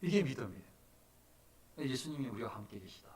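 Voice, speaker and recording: A man preaching a sermon as pastor, animated, moving from soft talk to loud cries. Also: medium pitch, brisk, distant mic. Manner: animated, swings from soft to shouting. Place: church sanctuary.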